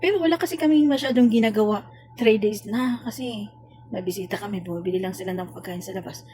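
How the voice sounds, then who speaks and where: A woman's voice: mid-range voice, fast, breathy edge, faint music behind. A Filipina woman, a domestic worker, venting about a coworker in a casual, exasperated vlog rant. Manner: exasperated, complaining, animated retelling.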